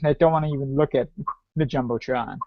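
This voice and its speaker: A man's voice: medium pitch, a little fast, vocal fry, dry recording. A man co-hosting a podcast in casual chat, dropping dry, wry asides. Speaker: podcast co-host. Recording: dry, dull lo-fi podcast audio.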